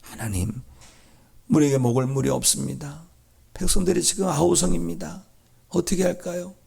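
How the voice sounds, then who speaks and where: Moses, an earnest male leader of his people, cries out to God in an urgent, pleading prayer, voiced by a man. The voice is rough and gravelly, lifted slightly above a normal speaking tone, and each line is pressed with need. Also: fairly high pitch, fairly even intonation, moderate pace, darkish tone, voice pushed up, full character voice. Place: church sanctuary.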